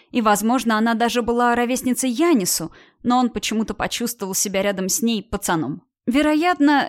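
Woman narrating an audiobook. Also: fairly high pitch. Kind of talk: scripted narration.

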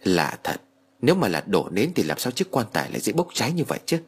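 A man voicing an older village uncle who shouts orders and scolds the boys during a fire. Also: fairly low pitch, wildly swooping pitch, fast, breathy edge, full character voice. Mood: puzzled.

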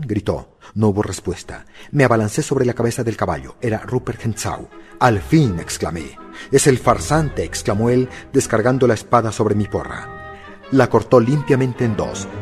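A man with a low voice reads a novel aloud in the first person, steady and measured. Faint music runs quietly under his narration. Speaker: audiobook narrator.

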